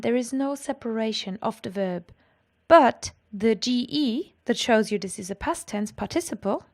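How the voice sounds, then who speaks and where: A woman with a fairly high-pitched voice teaches a language lesson. She is clear and enthusiastic, pronouncing the German example sentences with care.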